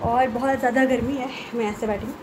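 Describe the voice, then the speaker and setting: A woman with a Bengali accent vlogging casually at home, talking fast and chatty with many fillers. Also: fairly high pitch, fairly even intonation, very noisy. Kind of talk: casual vlog to camera. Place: at home, hot room with fan running.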